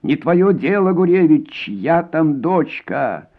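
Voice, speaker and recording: A man's voice: medium pitch, sing-song, a little slow. A man reading a story, voicing a harsh middle-aged woman police colonel who barks orders. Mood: furious. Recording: tinny phone-like sound.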